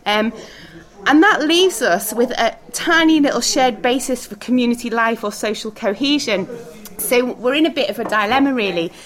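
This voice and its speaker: Speaking at normal speed in a slightly high voice, a woman leads a church group through a talk with discussion. Her style is relaxed and conversational, full of laughter and questions for the room despite noise in the background.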